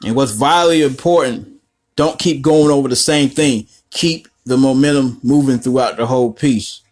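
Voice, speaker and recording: A man's voice: medium pitch, moderate pace, darkish tone, faint music behind. A man hosting a casual coloring tutorial, rambling through profane, joking asides while he works. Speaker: art tutorial host.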